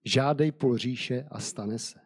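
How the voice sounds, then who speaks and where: A man voicing an ancient Persian king in a scripture reading, with light emphasis and a husky voice. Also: mid-range voice, natural voice. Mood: commanding. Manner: read aloud with light emphasis.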